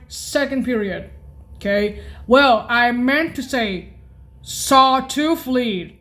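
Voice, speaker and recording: Presenting organ voice effects in an informal keyboard sound demo, a woman calls out preset names. Her voice is a little high and a bit bright, and her delivery is halting and repetitive, with frequent self-corrections and apologies.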